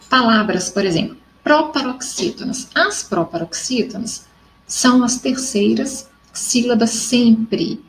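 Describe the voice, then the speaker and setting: A woman's voice: medium pitch, slight background noise, rough recording. A woman from Brazil teaching a recorded grammar lesson, explaining step by step and often checking in with her students.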